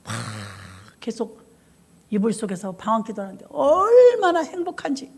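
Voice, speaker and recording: A woman pastor preaching in a church, telling her story in lively bursts and hushed asides. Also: sits high, normal speed. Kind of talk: sermon.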